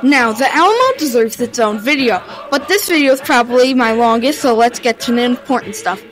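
A woman's voice: fairly high pitch, animated, fairly quick, fairly bright tone, faint music behind, low-quality recording. A woman reading a history narration for her own video, informal and a little stumbling, with sudden upward jumps at each new turn in the story. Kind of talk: read-aloud history narration.

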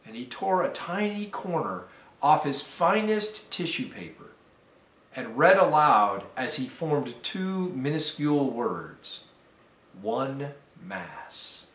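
A deacon reads a fable to students at a slow, careful pace. His voice is a touch high for a man and rings out in a roomy, echoey space. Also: big pitch swings, fairly bright tone. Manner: careful, measured storytelling. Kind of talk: reading a fable aloud to students. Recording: roomy echo.

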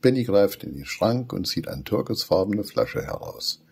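Deep husky man reading a children's story. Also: moderate pace. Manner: expressive, animated reading. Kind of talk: children's story read aloud.

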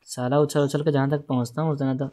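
A man doing live gameplay commentary, talking straight to his viewers, repeating words in quick bursts and humming la-la while he plays. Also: fairly high pitch. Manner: excitable, repeats words in rapid bursts, hums la-la while playing; talks directly to viewers, asking for follows and shares. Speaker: gaming livestreamer.

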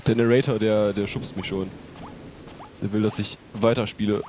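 A man's voice: fairly low pitch, steady tone, normal speed, a little mellow. A man joking playfully with a friend while they play a game together. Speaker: game streamer. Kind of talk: casual co-op gameplay chat.

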